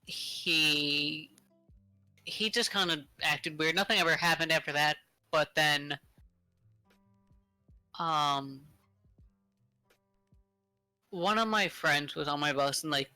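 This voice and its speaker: A young man chats on a podcast in a very bright, somewhat high voice, rambling through stories with lots of fillers. The mic is close and dry, with faint music underneath. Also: no echo, rough recording. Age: young adult. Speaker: podcast co-host. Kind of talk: casual chat.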